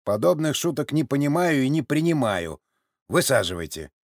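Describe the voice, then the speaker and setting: A man's voice: medium pitch, sing-song, moderate pace, dry recording, studio quality, voice pushed up. A man reading an audiobook, voicing a proud, easily offended old man who is a war veteran. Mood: indignant. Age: older. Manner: indignant, haughty. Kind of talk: audiobook character voice.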